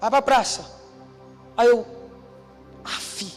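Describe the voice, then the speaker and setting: A young Brazilian man preaches to a crowd of teens, acting out every line of dialogue in his story. His voice sits high and jumps from hushed asides to shouts. Long hall reverb trails his words over faint background music. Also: drawn-out words. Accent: Brazilian Portuguese. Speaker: youth preacher. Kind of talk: preaching at a youth conference.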